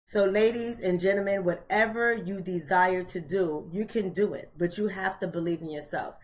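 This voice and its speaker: Here the book club host, an American woman of about forty, uses a medium pitch and a moderate pace. On her casual livestream she chats colloquially with her audience, addressing them directly and repeating phrases for emphasis, while faint noise sits in the background.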